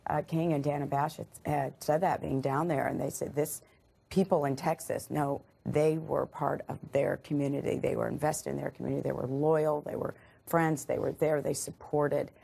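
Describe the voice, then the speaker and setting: Gravelly, low-voiced woman commentator. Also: steady tone, moderate pace, mellow. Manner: emphatic, lists points. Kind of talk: panel discussion.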